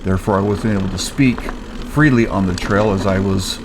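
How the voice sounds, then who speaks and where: A man's voice: deep voice, brisk, background noise. Man in his fifties talking outdoors on a bike trail. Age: 50s. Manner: relaxed, rambling with fillers. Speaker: vlog host, mountain biker. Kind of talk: casual trail commentary.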